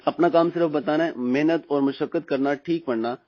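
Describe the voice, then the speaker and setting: A man with a Pakistani Urdu accent teaching how to read the Quran in braille. His voice sits a little high. He patiently explains, then slowly draws out each letter sound. The recording is dull and lo-fi. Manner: slow, drawn-out recitation of letter sounds between explanations; patient, repeats "theek hai" often.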